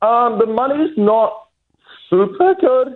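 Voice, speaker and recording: Over a tinny phone line, a young New Zealand professional golfer answers a guest interview in an extremely high, expressive voice at a slow pace. His accent is New Zealand, and his casual replies are hesitant, crowded with fillers and restarts, and quick to break into laughter.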